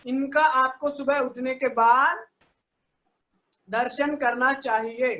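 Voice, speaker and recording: A woman with a high voice teaches children over an online call, taking her time with each point. She keeps checking that they follow along. The audio is echoey and dull. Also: fairly even intonation, a bit bright. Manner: patient, explains slowly, asks "ठीक है ना" again and again. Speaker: teacher of a children's values class. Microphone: online video call.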